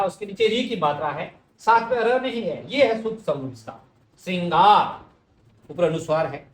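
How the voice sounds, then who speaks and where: A man's voice: sits high, roomy sound. A man teaching correct Hindi spelling, explaining each word patiently and speaking directly to his students.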